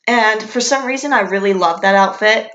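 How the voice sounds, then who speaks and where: A woman's voice: mid-range voice, normal speed, fairly bright tone. A young woman, a vlogger, talking candidly and enthusiastically as a fan in casual commentary, with some casual swearing. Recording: echoey room.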